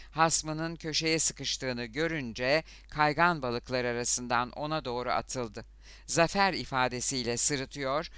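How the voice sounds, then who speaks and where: A man narrates an audiobook with a bright, smooth, resonant voice and steady dramatic delivery. He reads close to the mic in a dry studio, pushing his voice up when characters shout. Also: medium pitch, no echo. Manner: steady dramatic reading, lifts voice for shouted quotes. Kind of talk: scripted narration.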